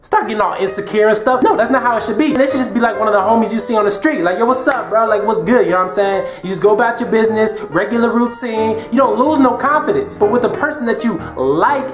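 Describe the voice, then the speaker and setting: A man giving a comedic vlog rant in slangy, animated street talk. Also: high-pitched, fast, hardly any pauses. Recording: roomy with music behind.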